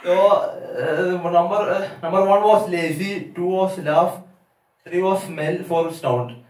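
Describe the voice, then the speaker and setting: A high-voiced man speaks English with a Malayali accent from Kerala. He is a nervous amateur comic, rambling and doubling back on his words. He sounds distant from the microphone in an echoey room. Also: slow, darkish tone. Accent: Malayali (Kerala) Indian English. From Kerala, India. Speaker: amateur stand-up comedian. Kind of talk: halting open-mic stand-up storytelling. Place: live open-mic venue, small audience. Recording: echoey room, far from mic.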